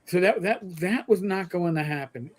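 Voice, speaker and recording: Casual gaming chat comes from a middle-aged livestream co-host with a high voice at a moderate pace, rambling along with stammered restarts and the odd curse.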